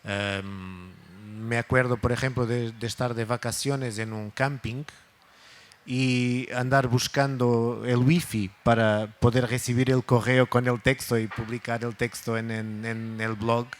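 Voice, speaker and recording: Speaking at a book fair event, this male guest, who directs a literary foundation, talks in Spanish with a Portuguese accent, since Portuguese is his native language. He sounds hesitant, often searching for words, in a mid-range, flat, unhurried voice.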